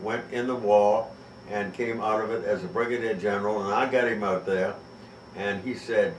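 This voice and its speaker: An older man telling stories in a rambling way, halting often. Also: on the low side, slight background noise. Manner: rambling, halting with many pauses. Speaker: interviewee recalling a prank. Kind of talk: casual storytelling. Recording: echoey room from a distance.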